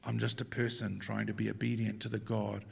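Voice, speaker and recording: A man preaching a sermon as pastor, moving between loud acted quotes and hushed, whispered lines. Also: on the low side, level tone, fairly quick, gravelly, slightly rough.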